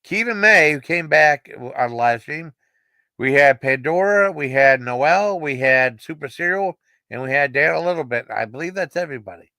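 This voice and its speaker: The livestream host's voice is a little high, expressive and sharp, at a moderate pace, captured dry with studio quality. He chats casually and rambles informally before signing off, dropping in short repeated acknowledgments.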